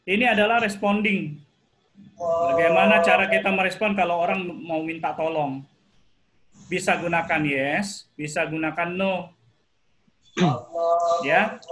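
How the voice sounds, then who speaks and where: A man's voice: high-pitched, a bit bright, low-quality recording. A man with an Indonesian accent, an English teacher explaining grammar in an online class and often stopping to ask the students questions.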